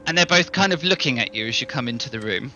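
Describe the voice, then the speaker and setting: A man's voice: medium pitch, lively intonation, fast talker, sharp tone, muffled recording, slight background noise. A man casually narrating and refereeing a tabletop game, often thinking aloud. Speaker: game master.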